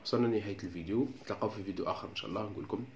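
Algerian male teacher, lowish voice, patient step-by-step explainer, faint room noise. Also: rapid-fire, darkish tone. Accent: Algerian Arabic. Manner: patient, step-by-step explaining, often checks with "d'accord". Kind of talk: explaining a French grammar lesson.

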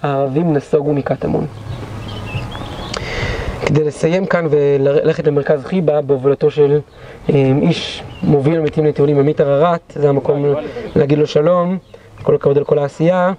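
A man leading a guided history tour, telling battle stories dramatically and acting out the shouts of those involved. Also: a little high, fairly even intonation, background noise. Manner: dramatic storyteller, acts out quoted shouts. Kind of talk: guided tour storytelling lecture. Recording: dull lo-fi recording.

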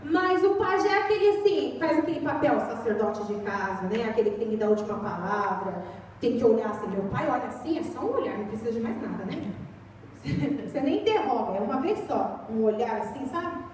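A woman's voice: on the high side, lively intonation, a little fast, darkish tone, slight background noise. A young Brazilian woman preaching a sermon in a church, chatty and storytelling, recorded from far off in an echoey hall. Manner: chatty storytelling, acts out voices.

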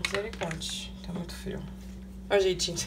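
A woman's voice: on the low side, steady tone, brisk, gravelly, heavy background noise. A young Brazilian woman chatting casually to her viewers in a home vlog, speaking Portuguese with a Brazilian accent. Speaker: vlogger. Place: home, indoors.

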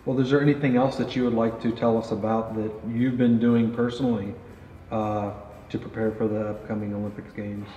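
A man in his thirties with a lowish, warm voice speaks fairly quickly in a flat delivery. As a company pro staff interviewer at an indoor range, he casually interviews a guest and explains archery gear in a product interview, using many fillers. The recording is dull, with roomy echo and faint noise.

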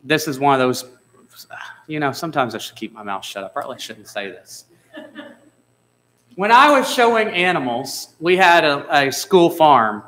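Bright-voiced man preaching a sermon. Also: fairly high pitch, sing-song, moderate pace, pauses often, rough recording. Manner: conversational, asks the congregation questions. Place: church sanctuary.

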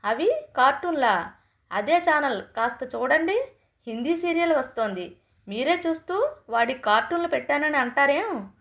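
A woman's voice: high voice, animated, normal speed, fairly bright tone, voice pushed up. A woman voicing an indignant young mother who sharply scolds her mother-in-law in a storybook reading. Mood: accusing.

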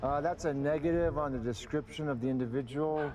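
An actor playing a gruff, impatient middle-aged male ambulance driver in a film, speaking tersely. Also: a little high, fairly quick, noisy background, close to an everyday voice. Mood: businesslike. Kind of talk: fan film acting. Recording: distant, music underneath.

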